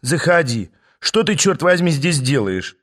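A man voicing a shrill, blunt and impatient young queen in an audiobook, with a raised, demanding tone. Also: very animated, unhurried, a bit bright. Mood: brusque. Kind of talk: audiobook character voice.

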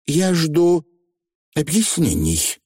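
A man's voice: on the high side, very animated, drawn-out words, darkish tone, breathy edge, dry recording, pitched above the performer's own voice, exaggerated voice. A man voicing a young witch girl who speaks plainly and firmly. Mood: level.

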